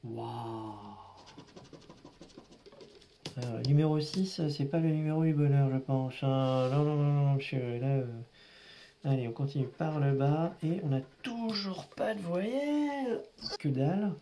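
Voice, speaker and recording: A man's voice: on the high side, a little slow, mellow, slight background noise. A man giving casual running commentary while scratching lottery tickets, grumbling and exasperated, muttering to himself.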